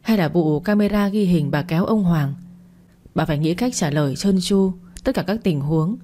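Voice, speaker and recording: A woman reading a story aloud in a calm, even audiobook narration. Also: on the low side, normal speed, slight background noise.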